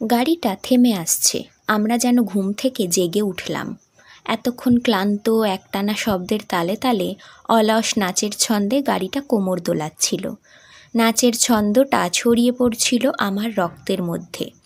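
A woman hosting and narrating a short story in a calm, measured reading. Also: medium pitch. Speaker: storyteller, channel host.

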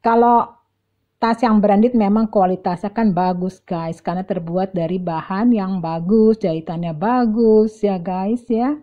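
In lo-fi sound, a middle-aged vlogger strolls a large indoor shopping mall, chatting informally to viewers and repeating words often. She speaks at a medium pitch, a little slowly.

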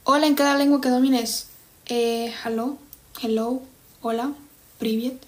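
A woman's voice: on the high side, fairly even intonation, unhurried, darkish tone. A young Cuban woman with a Cuban Spanish accent, chatting casually on a livestream and answering viewers' comments. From Cuba. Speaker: livestream host. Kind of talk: casual live-stream chat with viewers.

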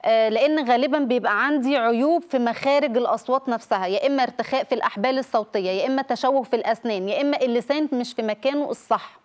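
Egyptian lady counselor on a tv talk show, quick and a bit high, acts out kids' mispronounced words. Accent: Egyptian Arabic. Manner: explanatory, demonstrates mispronounced words. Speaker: guest family counselor.

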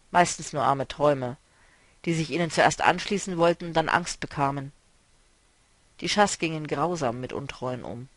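A man reading a novel aloud, voicing a weary, melancholy male traveler who speaks quietly and broodingly. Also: on the high side, no room sound.

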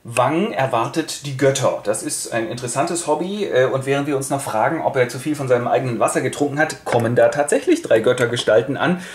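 A man hosting a casual, playful retelling of a play with toy figures, talking briskly. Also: medium pitch, roomy sound. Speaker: host.

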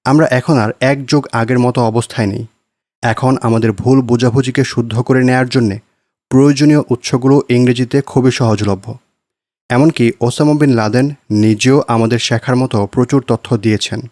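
A man reading an audiobook aloud on his own channel, in a formal, measured manner with short phrased pauses. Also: mid-range voice, steady tone, a little mellow, no echo, clean studio sound. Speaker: audiobook narrator. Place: home recording.

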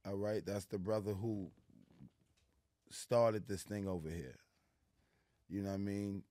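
A man's voice: lowish voice, steady tone, measured pace, mellow, no echo. A middle-aged man with a New York accent, a guest in a casual interview, talking in a laid-back street manner full of "you know what I'm saying". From New York City. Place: small studio lounge with plants, indoors. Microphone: studio mic on a boom arm.

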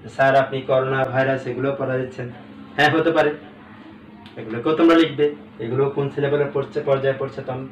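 A male English teacher giving a recorded lesson, breaking words into syllables slowly and checking in often. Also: mid-range voice, recorded from a distance. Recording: echoey room, away from the mic, faint background hum.

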